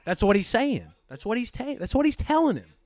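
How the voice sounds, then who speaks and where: A man hosting a live race stream, giving excitable, profane, jokey commentary. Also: very high-pitched, a little fast, no echo.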